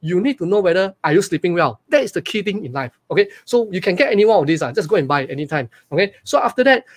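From a small room, a man in his forties who coaches business online leads a live webinar via webcam on a video call, with a Malaysian English accent. He talks fast in a high voice, energetic and repetitive, and asks the audience plenty of questions.

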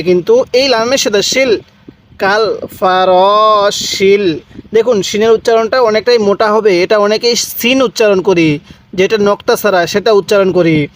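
A man with a Bangladeshi Bengali accent teaching Quran pronunciation, slowly spelling out and repeating each syllable for learners. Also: high voice, a little hiss or hum. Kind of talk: slow step-by-step pronunciation lesson.

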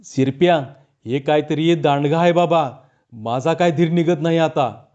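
A man's voice: on the high side, normal speed, a little mellow, highs cut off, natural voice. A male narrator voicing a frightened village man sneaking out to steal crops, speaking. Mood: uneasy.

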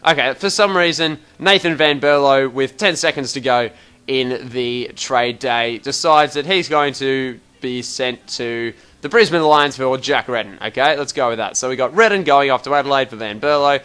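In this casual game tutorial, a young Australian host rambles his way through a menu, sounding chatty and a touch exasperated. He speaks at a moderate pace in a mid-range voice that comes across bright, forceful, clear, and resonant.

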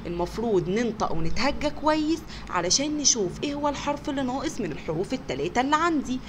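A woman with an Egyptian Arabic accent teaching kindergarteners, sounding out words slowly and praising them often. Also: fairly high pitch, slight background noise. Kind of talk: recorded online lesson for young children.

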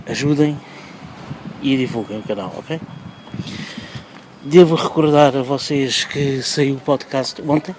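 A man's voice: mid-range voice, a little slow, pauses often, a little mellow, a little hiss or hum, low-quality recording. Upbeat Portuguese man vlogging outdoors. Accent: European Portuguese. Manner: upbeat, chatty. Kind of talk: casual vlog. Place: outdoors on a street. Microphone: phone at arm's length.

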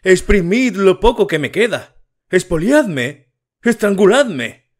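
A man voicing a stout, miserly, middle-aged father who shouts in fury in an audiobook story. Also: high-pitched, big pitch swings, takes it slowly, voice pushed up, exaggerated voice. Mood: furious shouting. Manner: shouting in rage.

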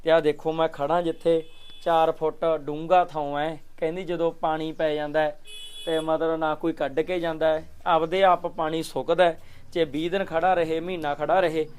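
In this vlog appeal, a young man from Punjab, India, holds a mic outside a village home and pleads again and again for a struggling family, repeating his requests to share and help. He talks at normal speed in a level tone; his voice is smooth, darkish and slightly high.

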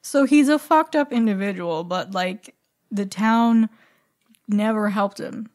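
A woman talking through a book on a podcast in a loose, blunt way, swearing as she goes. Her voice sits at a middle pitch with nothing unusual about it. She often breaks into laughter mid-sentence. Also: slow pace, a little mellow. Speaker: podcast co-host. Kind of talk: casual book club chat.

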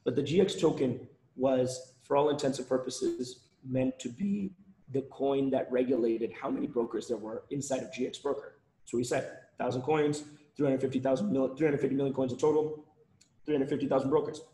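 A man's voice: medium pitch, steady tone, fairly quick, dark tone. A man presenting on a live webinar, losing his voice, rambling with frequent restarts and repeated words. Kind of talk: casual live webinar talk. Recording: roomy echoey sound.

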